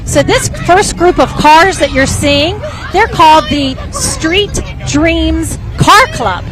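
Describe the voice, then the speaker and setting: Broadcasting from a street parade, a woman hosts live commentary in a chatty, enthusiastic, casual way. Her voice is very high-pitched, animated and slow, and the rough recording picks up the street crowd, traffic and loud music.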